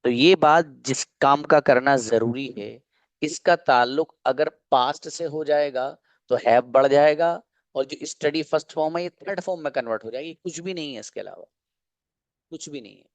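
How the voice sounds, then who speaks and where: A man teaching English grammar in an online class, patiently explaining and repeating example sentences slowly. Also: on the high side, dry recording. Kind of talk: online grammar lesson in Hindi.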